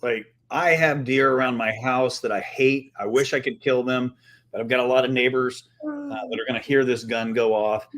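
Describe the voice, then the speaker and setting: A middle-aged man in mid pitch tells rambling personal stories on a podcast. He jokes and swears as he goes, and talks in an easy, casual way. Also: steady tone, moderate pace, fairly bright tone. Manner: storytelling, laughing and swearing. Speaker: podcast co-host. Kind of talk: casual chat.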